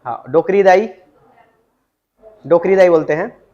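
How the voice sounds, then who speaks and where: High-voiced male teacher dictating words. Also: a little slow, a little mellow, dull audio. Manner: dictates words, repeats them, asks the class questions. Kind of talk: classroom lecture on Chhattisgarhi vocabulary. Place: classroom.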